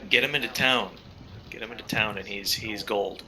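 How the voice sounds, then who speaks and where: A man's voice: fairly low pitch, normal speed, sharp tone, poor audio. A man player chatting casually, easygoing and self-deprecating. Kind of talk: casual chat between game sessions.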